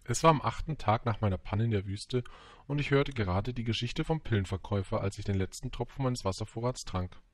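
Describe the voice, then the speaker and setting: A man narrating an audiobook in a measured storytelling manner. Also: lowish voice, dry recording. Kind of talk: scripted narration.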